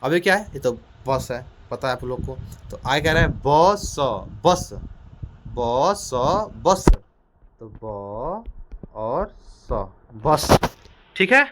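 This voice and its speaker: A man teaching a children's lesson in a small room, speaking loudly and energetically, repeating questions to the class and sounding out letters. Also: a little high, animated, slow, background noise.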